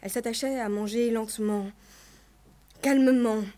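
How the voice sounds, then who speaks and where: A woman's voice: a little high, fairly even intonation, normal speed, warm tone. A woman reading a novel aloud with dramatic, emotional expression. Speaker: reader. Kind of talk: expressive audiobook narration.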